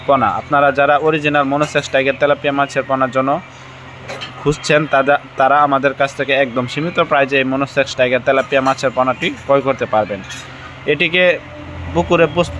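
Male fish-farm vendor, rapid pushy pitch, light outdoor background noise. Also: a bit bright. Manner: fast, repetitive salesman talk with restarts. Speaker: fish fry seller. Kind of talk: sales pitch vlog.

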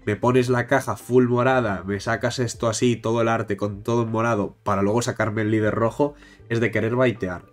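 Congested Spanish man with a blocked nose. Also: lowish voice. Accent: Spain. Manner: pauses to catch breath. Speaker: YouTube host. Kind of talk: casual card-game news commentary. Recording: music behind the voice. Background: music.

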